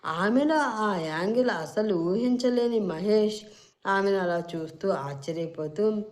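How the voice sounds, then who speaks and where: A woman reading a scripted short love story as narrator, at a steady, even pace. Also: mid-range voice, a little slow.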